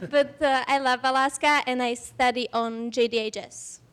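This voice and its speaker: A young woman introduces herself in an eager, chatty way, restarting her sentences now and then. Her voice is high and very clear. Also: steady tone, normal speed, fairly bright tone. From Slovakia. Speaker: exchange student.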